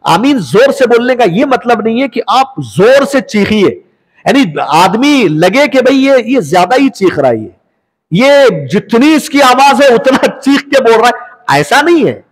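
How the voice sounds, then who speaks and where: A man's voice: very high voice, very animated, unhurried, long reverb tail. A man teaching a religious lesson, explaining prayer rules and putting questions to his listeners before answering them himself. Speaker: Islamic teacher.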